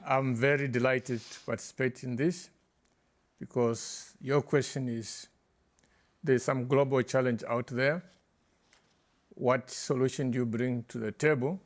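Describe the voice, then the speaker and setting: Mid-pitched male conference panelist. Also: fairly even intonation, measured pace, long pauses. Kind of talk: panel introduction.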